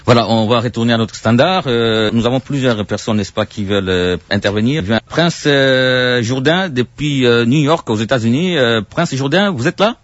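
A man's voice: mid-range voice, normal speed, few pauses, dry recording. A man hosts a live radio call-in, phrasing hesitantly with frequent tag questions. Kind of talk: live interview and call-in hosting. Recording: dull, dry radio sound.

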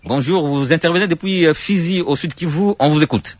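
A man's voice: a little high, brisk, no echo. A man hosts a live radio call-in, phrasing hesitantly with frequent tag questions. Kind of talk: live interview and call-in hosting. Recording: dull, dry radio sound.

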